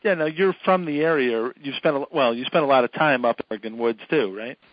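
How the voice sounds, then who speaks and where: A man's voice: medium pitch, brisk, dull audio. A man hosting a podcast interview, chatty and joking, with frequent laughs. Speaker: podcast host.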